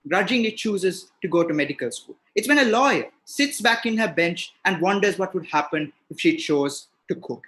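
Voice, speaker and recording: A man's voice: high-pitched, a bit bright. A man delivering an emphatic, rhetorical opening speech in a competitive debate over a video call. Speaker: debate speaker.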